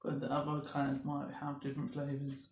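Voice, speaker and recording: A man chatting casually in a taste-test video, talking with his mouth full of candy in a slow, musing way. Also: on the high side, monotone. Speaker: vlogger. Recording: echoey room.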